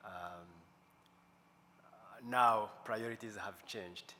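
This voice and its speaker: Slow, bright-voiced man in a church. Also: lowish voice. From Rwanda. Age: 50s. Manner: slow, deliberate, with pauses. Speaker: guest speaker. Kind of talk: testimony talk at a church service. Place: large church sanctuary. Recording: echoey church hall, faint room noise.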